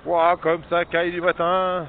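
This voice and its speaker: Male vlogger, voice muffled inside a motorbike helmet, halting and chatty, tinny lo-fi sound with light background noise. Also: high-pitched, completely flat delivery. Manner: chatty, halting, many fillers. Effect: talking inside a motorbike helmet. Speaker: crane operator. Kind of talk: casual vlog while riding. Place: outdoors on a small motorbike.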